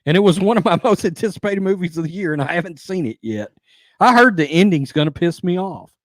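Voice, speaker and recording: A man's voice: sits high, lively intonation, fast, no room sound. A man co-hosting a casual movie podcast, blunt and crude in a laid-back way. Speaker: podcast co-host.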